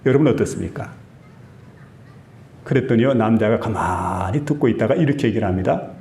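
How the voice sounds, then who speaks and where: A pastor with a Gyeongsang Korean accent preaching a sermon in a church, telling stories and asking the congregation questions. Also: male voice, on the low side, brisk, mellow. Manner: storytelling with quoted voices, asks the congregation questions. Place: church sanctuary. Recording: echoey church room.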